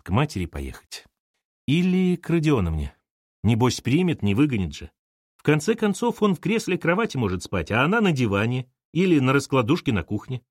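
Expressive male audiobook narrator. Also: mid-range voice, no echo, studio quality. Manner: expressive, acts out dialogue. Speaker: audiobook reader.

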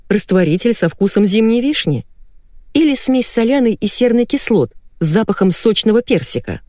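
A woman's voice: mid-range voice, dry recording. A woman reads a first-person novel aloud with wry irony and a voice that rises and falls a lot. The recording is close and dry, with no room sound. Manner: ironic, lively storytelling. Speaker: audiobook narrator.

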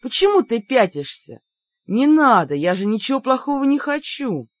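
A woman voicing a teasing young man with a sweet tooth, purring and coaxing in a drawn-out way, in an audiobook. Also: sits high, very animated, no echo, lo-fi sound, pitched above the performer's own voice. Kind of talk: audiobook character voice.

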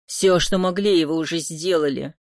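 A woman voicing a gruff injured man who grumbles with dry irony. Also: low voice, moderate pace, no echo. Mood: grumbling.

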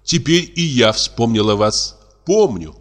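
A man reading a play aloud, voicing a calm, sensible elder sister who speaks gently. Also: medium pitch, a little slow, natural voice. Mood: gentle.

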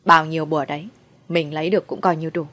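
A woman voicing a sly old male steward who talks quickly and quietly in a storybook reading. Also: low-pitched, fairly even intonation. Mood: hushed.

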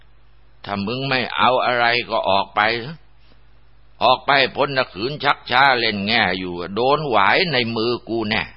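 A man voicing an elderly village abbot monk who speaks gently to a spirit and then turns stern. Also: fairly low pitch, measured pace, pitched above the performer's own voice. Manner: calm and soothing, turning stern. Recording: dull lo-fi recording.

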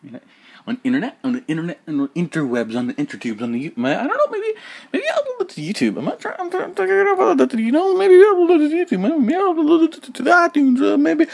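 A podcast host with an extremely high, gravelly voice talks fast, his pitch swinging widely. Sleepless for almost 24 hours, he rambles in circles on his solo show, repeating himself and cursing casually.

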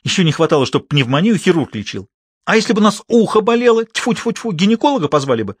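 A shrill, quarrelsome village woman who scolds and blusters at everyone around her, as a male reader puts her on. The voice is pushed high and loud, and it sounds dry and close. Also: big pitch swings, a little fast, breathy edge, no echo. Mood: scolding. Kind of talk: audiobook character voice.

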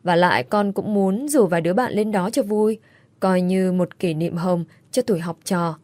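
A woman's voice: lowish voice, normal speed, warm tone, no room sound, natural voice. A woman voicing a young female student who speaks earnestly and worries easily. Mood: shy.

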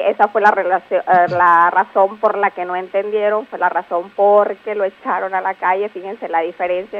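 A woman explains spelling rules on a radio program, quizzing her co-host and answering patiently. Her voice sits at a middling pitch. The broadcast sound is dull and lo-fi. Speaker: language teacher on a radio show. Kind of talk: radio spelling and grammar segment.

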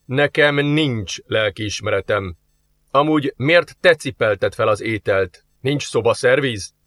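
A man's voice: medium pitch, lively intonation, a bit bright, no room sound, lightly acted. A man playing a curt suspicious demon. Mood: sarcastic. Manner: curt, sarcastic, wary. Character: gruff suspicious male demon. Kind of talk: audiobook character voice.

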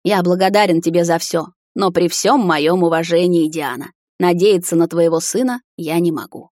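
A raw, broken voice of a desperate king from an audiobook, as a woman reader puts him on. He pleads and then shouts, strained with grief. The low voice sits in a dry room with no echo. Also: moderate pace, lightly acted. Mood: broken, pleading. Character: anguished middle-aged king, desperate father. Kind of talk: audiobook character reading.

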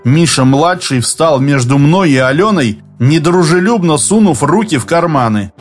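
A man's voice: on the high side, expressive, normal speed, soft background music. Man narrating an audiobook. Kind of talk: scripted narration.

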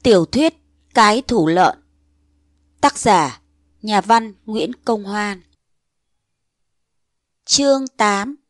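A woman's voice: animated, drawn-out words, pauses often, no room sound, studio quality. A woman narrating a novel aloud as an audiobook, acting out the quarrelling villagers with raised voices. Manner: voices shouting villagers with rising pitch. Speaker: audiobook reader.

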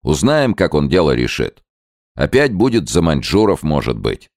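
A man voicing a hot-tempered hunter who shouts threats in a hoarse voice. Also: rumbling low, big pitch swings, normal speed, no room sound, studio quality, voice pushed up, heavily acted. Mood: fierce.

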